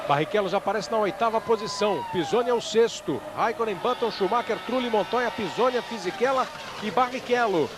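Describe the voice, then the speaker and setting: A man's voice: high voice, fairly quick. A man with a Brazilian Portuguese accent calling a motor race live as a motorsport commentator, emphatic and repeating key phrases. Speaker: motorsport commentator, play-by-play announcer. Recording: clear engine and track noise behind. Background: race cars and outdoor ambience.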